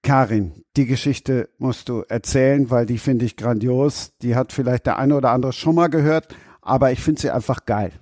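A man's voice: medium pitch, moderate pace, darkish tone, dry recording, clean studio sound. A man hosting an interview, enthusiastic about his guest's stories. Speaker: host. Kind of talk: interview talk.

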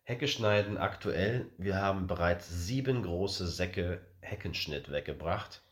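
Casting: deep-voiced father co-hosting a home podcast, chatty, stumbling, lots of "uh". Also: a little slow. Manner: rambling, hesitant, many fillers. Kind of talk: casual family podcast chat.

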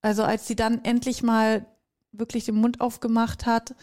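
A woman's voice: on the high side, level tone, moderate pace, darkish tone. A woman in her thirties co-hosting a podcast, rambling and exasperated in casual chat, laughing often. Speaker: podcast co-host.

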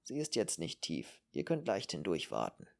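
A man's voice: deep voice, huge pitch swings, moderate pace, creaky, voice pushed down, full character voice. A man voicing a matter-of-fact male border guard in an audiobook.

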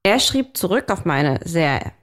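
Lively woman telling dating stories. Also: on the low side, a little slow. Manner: animated storyteller, laughs often, mixes in English phrases. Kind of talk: casual chat.

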